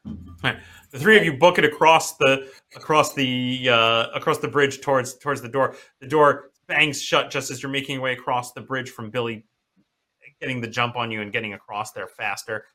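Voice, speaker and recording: A man runs a horror tabletop game as game master. His voice is bright and sits at a middling pitch. He halts often and restarts his phrases as he describes the scene. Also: steady tone. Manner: halting, many restarts and fillers.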